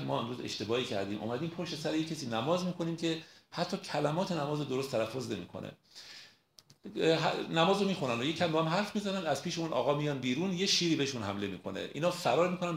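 A man giving a storytelling lecture on mystical poetry, who slows right down and draws out the lines when he recites verse. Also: mid-range voice, creaky. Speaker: lecturer on Rumi. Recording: roomy echo.

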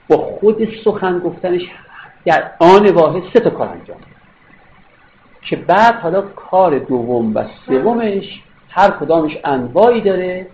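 A man delivers a philosophy lecture in a fairly high, animated voice that swings up and down, rephrasing each point and checking that his listeners follow. The recording is muffled and lo-fi, with a faint hiss behind him. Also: creaky. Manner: explanatory, repeats and rephrases, checks understanding with questions. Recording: dull lo-fi recording with faint noise.

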